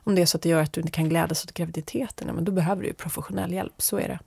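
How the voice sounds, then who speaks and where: A woman's voice: lowish voice, steady tone, gravelly, a little mellow, husky, no echo, studio quality. A woman speaking as a guest in an interview, direct and frank. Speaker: guest expert. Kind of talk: conversational interview.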